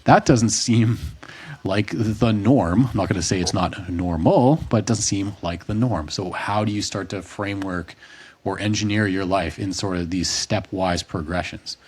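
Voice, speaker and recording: Deep husky-voiced man musing at length. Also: normal speed, a little mellow. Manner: long rambling explanations, frequent restarts, occasional swearing. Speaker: fitness coach, podcast co-host. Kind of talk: casual podcast discussion.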